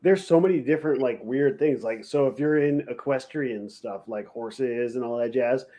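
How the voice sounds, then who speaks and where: A man's voice: medium pitch, normal speed, mellow. A man co-hosting a casual podcast chat, explaining things in a rambling way with lots of fillers. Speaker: podcast co-host.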